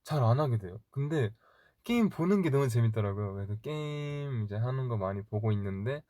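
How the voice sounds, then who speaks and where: The recording is clean studio sound with no room sound: a man's animated, medium-pitched voice. He's a twentysomething idol livestream host who chats casually and rambles, answering fan comments with easy laughs and stories while quietly talking to himself.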